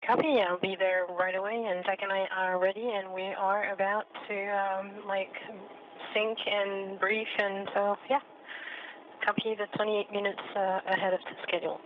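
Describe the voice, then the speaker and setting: A woman astronaut answering over space-to-ground radio, quick and informal. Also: medium pitch, little pitch movement. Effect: space-to-ground radio link, thin and distant. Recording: tinny radio link from far off with faint hiss.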